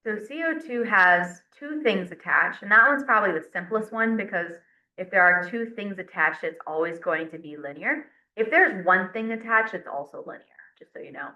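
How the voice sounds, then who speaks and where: A woman's voice: mid-range voice, lively intonation, normal speed. A woman teaching a chemistry class, explaining step by step in a casual classroom lecture and sometimes counting aloud at the board. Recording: roomy, dull lo-fi classroom recording.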